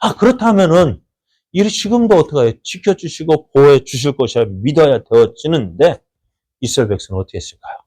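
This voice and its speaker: Korean pastor preaching with lively questions. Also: male voice, brisk. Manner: asks the congregation questions and answers them himself; acts out quoted speech with sudden rises in pitch and loudness. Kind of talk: sermon. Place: church.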